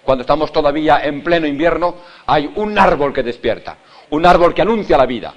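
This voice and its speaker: Older priest preaching emphatically. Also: male voice, a little high, animated, a little fast. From Spain. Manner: repetitive, emphatic, rhetorical questions to the audience. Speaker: Dominican priest and Bible teacher. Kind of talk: seminar sermon. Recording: dull lo-fi recording.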